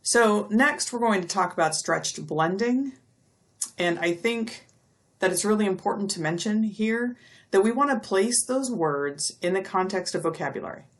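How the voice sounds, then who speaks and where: A middle-aged woman giving a recorded lecture, explaining step by step and stretching out speech sounds slowly to demonstrate them. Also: mid-range voice, lively intonation. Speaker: university lecturer.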